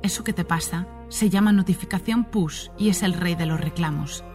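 Woman narrating over soft music. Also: fairly low pitch, moderate pace. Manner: steady, listing rhythm. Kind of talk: scripted narration.

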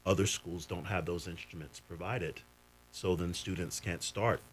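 A man, a choir conductor, speaking as a radio guest in a measured, earnest way about music education. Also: low-pitched, steady tone, a little hiss or hum. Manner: measured, with frequent fillers and restarts. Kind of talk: radio conversation.

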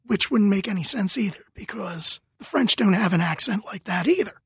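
A man's voice: high voice, animated, moderate pace, fairly bright tone, breathy edge, no room sound, studio quality. A man appearing as a podcast guest who talks enthusiastically about a movie. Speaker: guest show host. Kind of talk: casual film discussion.

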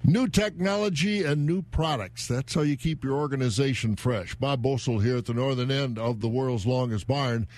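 A man's voice: medium pitch, normal speed, few pauses, darkish tone, dry recording. An American man presenting a scripted broadcast report as a farm radio reporter.

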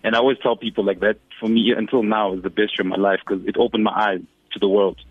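A man in his 30s from Zimbabwe is a guest on the radio, talking fast in a lowish voice during a casual interview. He is relaxed and rambling, with lots of fillers and restarts, and the dry studio sound has no echo and a phone-like quality.

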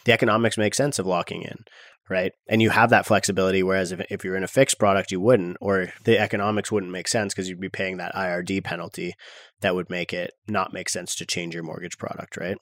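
A man's voice: deep voice, flat delivery, fairly quick, a bit bright, no echo, clean studio sound. A man co-hosting a podcast, explaining things in a casual, conversational way. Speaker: podcast co-host.

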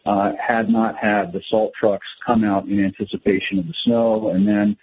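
A man's voice: fairly low pitch, little pitch movement, moderate pace, slight background noise. A man giving sardonic, wordy conversational commentary as a radio interview guest. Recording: dull lo-fi radio audio.

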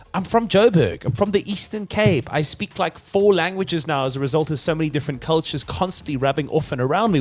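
A man from South Africa hosting a travel show, talking straight to the viewer with energy. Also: on the high side. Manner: energetic, addresses the viewer directly. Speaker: host. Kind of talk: upbeat presenter links.

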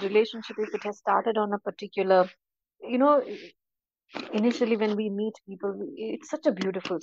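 A woman's voice: mid-range voice, a little mellow, no room sound. Earnest Indian woman, slightly muffled dry recording. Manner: earnest, emphatic, mixes in Hindi phrases. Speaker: podcast guest. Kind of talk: casual conversational advice.

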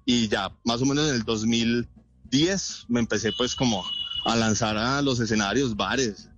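A man's voice: medium pitch, muffled recording, music in the background. A man from Colombia with a Colombian Spanish accent, a comedian guest chatting casually and cracking jokes. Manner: joking, laughs often, quick punchlines. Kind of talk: casual interview chat with jokes.

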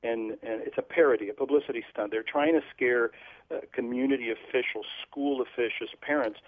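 A man's voice: medium pitch, fairly even intonation, a little fast, no room sound. A man from Portugal, a guest explaining his ministry earnestly in a radio interview. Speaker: guest, children's ministry leader. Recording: tinny phone line.

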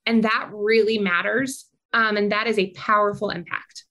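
A woman's voice: medium pitch, steady tone, pushed and bright, rough recording. A woman speaking as a guest advocate for child welfare, urgent and persuasive. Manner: urgent, persuasive, fast-talking. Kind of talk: interview guest.

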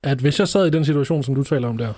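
A man from Denmark co-hosting a podcast, telling deadpan comic stories with hesitant fillers. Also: mid-range voice. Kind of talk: comedic casual chat.

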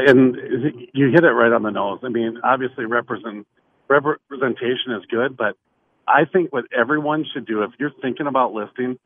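A man's voice: mid-range voice, no echo. A man calling in on a crackly phone line that fades in and out, chatting loosely with lots of fillers as a realtor. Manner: rambling, loose, full of fillers and restarts. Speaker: realtor calling in to a radio show. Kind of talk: casual phone-in chat. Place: outdoors in the mountains. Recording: tinny, narrow phone line.

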